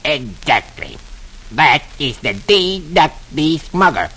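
Man doing a scheming cartoon duck for an old radio comic reading, slow and swooping. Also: a little high, big pitch swings, pushed and bright, breathy edge, heavily acted. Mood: boastful. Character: fussy cartoon duck, male, boastful schemer.

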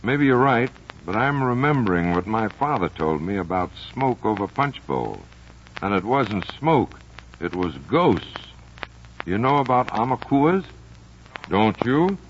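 A man acts out an earnest, superstitious friend in a radio-style story. The voice is low and animated, full of ominous warning, on a dull recording. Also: measured pace. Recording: dull vintage recording with faint noise.

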